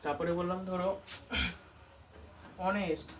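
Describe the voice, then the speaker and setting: A woman's voice: lowish voice, steady tone, measured pace. A woman English tutor teaching a grammar lesson, who keeps asking her students questions and answering them herself. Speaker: English tutor running a coaching centre. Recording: distant mic with faint background noise.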